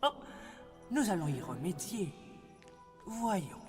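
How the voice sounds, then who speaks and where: An actor voicing a soothing, indulgent elder in an animated film fan dub, coaxing gently. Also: medium pitch, slow. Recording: long hall reverb, music behind.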